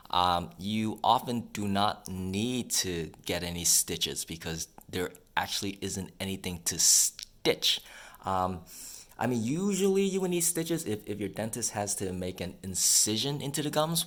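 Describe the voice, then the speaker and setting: Low-pitched man giving a casual explanation. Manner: conversational, hesitant, checks in with "right?". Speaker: dental professional explaining to patients.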